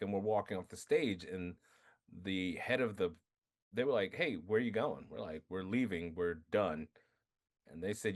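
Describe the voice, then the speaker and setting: Laughing, storytelling filmmaker man. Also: fairly low pitch. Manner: animated anecdotes, acts out quotes with laughter. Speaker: filmmaker guest. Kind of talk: casual interview storytelling.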